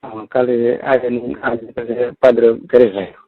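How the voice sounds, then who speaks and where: Over a muffled, low-fidelity phone line, a tailor shop owner with a Rajasthani Marwari accent chats casually and keeps repeating his phrases. His pitch barely moves, his pace is moderate, and there's no room sound.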